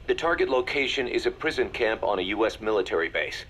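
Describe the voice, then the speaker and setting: A male actor plays a serious military second-in-command in a video game, briefing in a measured, businesslike manner. His fairly low voice is expressive with a fairly bright tone. There is slight background noise.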